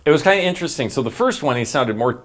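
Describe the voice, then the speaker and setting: A man's voice: medium pitch, expressive, rapid-fire. A man chatting casually and giving his commentary as a guest panelist.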